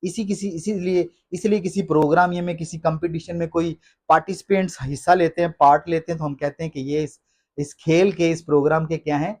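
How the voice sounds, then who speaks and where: A man teaching English pronunciation, repeating each word slowly and with emphasis. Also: fairly high pitch, steady tone, darkish tone. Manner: repeats words slowly and emphatically, addresses listeners as friends. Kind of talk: classroom-style explanation in Hindi.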